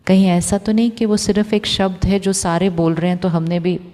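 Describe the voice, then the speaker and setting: Calm woman teacher in a reverberant hall. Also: medium pitch, a little fast. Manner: calm, reflective, asks the audience questions; mixes Hindi with English phrases. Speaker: spiritual teacher. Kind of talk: spiritual talk to an audience of doctors.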